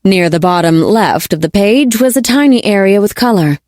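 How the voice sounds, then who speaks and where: Woman, audiobook narrator, measured even reading, close mic, dry dead sound, mid pitch. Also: no echo.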